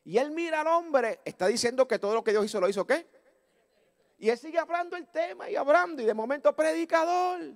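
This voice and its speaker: A male pastor, preaching a fervent Pentecostal sermon through a story that builds to loud exclamations. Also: extremely high pitch, lively intonation, fast talker. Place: church service.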